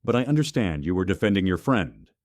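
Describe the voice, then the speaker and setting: A man reading the part of a calm, fair school principal who explains things gently. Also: deep voice, a little fast, no room sound. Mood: gentle.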